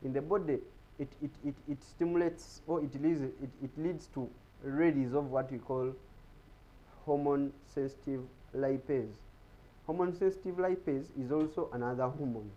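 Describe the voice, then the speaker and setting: Man, mellow dark voice, stammering repeats, studio talk, dull lo-fi broadcast sound. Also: a little high, steady tone. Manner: repeats words often, halting and explanatory. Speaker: guest speaker on health.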